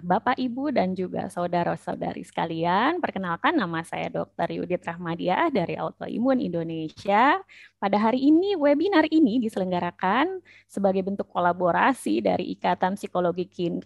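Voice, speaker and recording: A woman doctor moderating an online webinar, polite and upbeat, filling pauses with "eh" and "nah", heard over a video call. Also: mid-range voice, vocal fry, no room sound. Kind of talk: formal welcoming moderation. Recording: muffled dry video-call audio.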